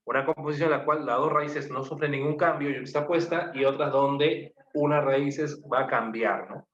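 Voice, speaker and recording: A man's voice: fairly high pitch, steady tone, normal speed, fairly bright tone. A man with a Peruvian Spanish accent teaching a grammar class, asking students questions and listing examples. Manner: asks the class questions, repeats answers, lists examples. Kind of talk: online class lecture. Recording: muffled, echoey room, faint noise.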